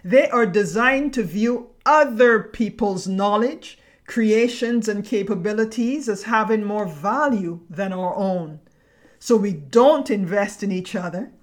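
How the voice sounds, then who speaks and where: A middle-aged woman from Barbados with a Barbadian accent, reading a reflective scripted narration in measured, poetic phrasing as a podcast host. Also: mid-range voice.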